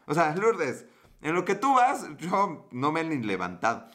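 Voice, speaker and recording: With huge pitch swings in a fairly high, slightly bright voice, a young Mexican livestream host speaks a little slowly as he tells a rambling, slangy story, fields chat messages and laughs often.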